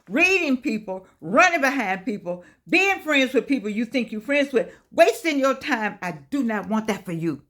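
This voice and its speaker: A woman's voice: a little high, fairly bright tone. A woman, giving a folksy, preachy motivational talk, repeating phrases and calling listeners baby. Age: 80s. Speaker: life coach vlogger. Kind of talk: casual motivational talk to camera.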